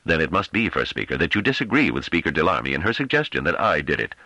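A man reading an audiobook, voicing a male councillor who argues in a grave, measured and sardonic way. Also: a bass voice, big pitch swings, bright, forceful tone, husky, no room sound, voice pushed up, exaggerated voice. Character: calm sardonic male councillor defending himself.

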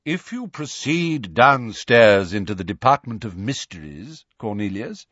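Casting: elderly male wizard for an audiobook, husky, deliberate and commanding, quietly magisterial acted by a male reader. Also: on the low side, big pitch swings, no room sound, muffled recording, full character voice. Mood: calm, authoritative. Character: commanding, calm, authoritative old male wizard.

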